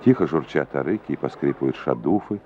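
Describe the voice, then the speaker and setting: A man narrating an old newsreel in a measured, formal announcer manner. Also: very deep voice, animated, a little hiss or hum. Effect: old Soviet newsreel sound. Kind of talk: scripted documentary narration. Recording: dull lo-fi 1980s newsreel audio with music.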